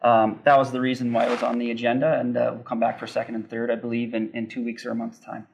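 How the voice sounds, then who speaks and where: A man's voice: medium pitch, monotone, quick pace, vocal fry, slight background noise. A man, a city councillor, steadily explaining council procedure in casual talk with frequent ums. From Canada. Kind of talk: casual civic discussion.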